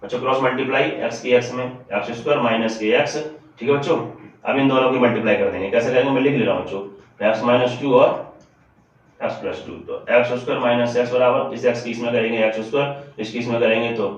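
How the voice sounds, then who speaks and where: A male math teacher explains problems step by step to his class and keeps repeating the key points. His mid-pitched voice comes from far off in a very echoey room. The recording is dull and lo-fi. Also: steady tone, fast. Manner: repetitive, addresses students often, walks through steps aloud. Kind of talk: classroom-style lesson solving board problems.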